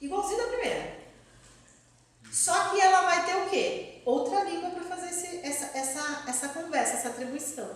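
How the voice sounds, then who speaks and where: A woman's voice: very high voice, normal speed. A woman professor giving a lecture to an audience, quizzing the room and laughing often as she explains. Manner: lively, asks the audience questions, laughs often. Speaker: university professor giving a talk. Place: lecture hall. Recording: loud echoey hall, far from mic.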